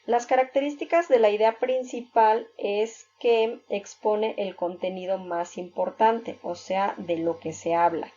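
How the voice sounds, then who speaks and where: A woman teacher giving a recorded lesson, explaining step by step with examples and filling pauses with "este". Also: mid-range voice, warm tone, slight background noise. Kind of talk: recorded reading-skills lesson. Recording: dull lo-fi recording.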